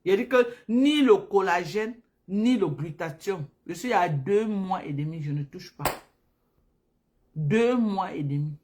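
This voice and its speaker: A woman's voice: fairly low pitch, a little slow. A woman talking casually and emphatically to viewers on a phone live stream, repeating herself for emphasis. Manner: animated, repetitive, emphatic, addresses viewers directly.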